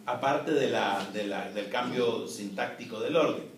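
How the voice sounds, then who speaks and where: Male professor, measured classroom lecture, recorded from across an echoey room. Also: medium pitch. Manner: measured, explanatory, frequent "eh" and "¿no?" tags. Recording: echoey room, distant mic, faint noise.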